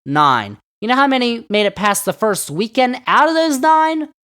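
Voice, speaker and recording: A man's voice: very high voice, big pitch swings, normal speed, pushed and bright, clean tone. A man hosting a solo sports podcast, talking sarcastically and throwing rhetorical questions at his listeners. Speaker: podcast host.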